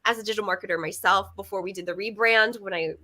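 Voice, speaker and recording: A woman's voice: mid-range voice, fast talker, pushed and bright. A woman hosting a live webinar, chatty and upbeat, laughing often as she introduces guests and reads questions. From Texas. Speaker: webinar host.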